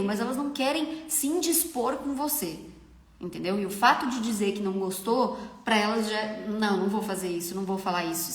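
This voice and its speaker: Chatty Brazilian woman, echoey room. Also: a little high. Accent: Brazilian Portuguese. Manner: chatty, frank, often asks "entendeu?". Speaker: makeup artist hosting a live Q&A. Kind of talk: casual live-stream advice.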